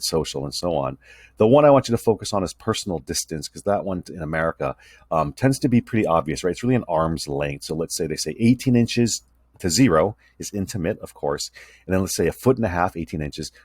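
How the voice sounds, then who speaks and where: A communication instructor with a low, slightly husky voice walks students through his slides in an easy, conversational way, often checking in with "right?". He is recorded close up with no room sound. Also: darkish tone, dry recording. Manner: conversational, tag questions "right?" and fillers. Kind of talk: recorded lecture over slides.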